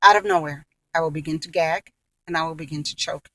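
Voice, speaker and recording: A woman's voice: deep voice, fairly even intonation, brisk, a bit bright, recorded from a distance, low-quality recording. A middle-aged woman talking casually and candidly to camera as a vlogger, earnest and chewing gum as she speaks. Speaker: vlogger sharing her health journey. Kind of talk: casual personal talk to camera.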